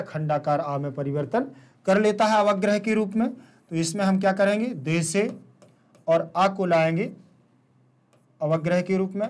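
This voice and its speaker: A man teaching a recorded online lesson with a Hindi accent, explaining step by step, repeating terms and answering his own questions. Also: high-pitched. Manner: checks in with "ठीक" often.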